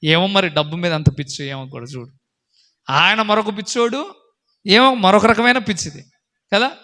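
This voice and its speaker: Preacher guy, high and sharp, keeps hammering questions, sermon. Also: normal speed. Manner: emphatic, repetitive questioning, rising to shouts; acts out characters in a story with changed voices.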